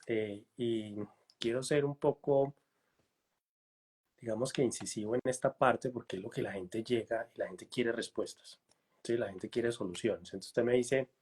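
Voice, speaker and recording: A man's voice: mid-range voice, unhurried, slight background noise. A man hosting a podcast interview, asking probing questions and acting out what people say. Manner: animated, acts out questions, probing. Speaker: host.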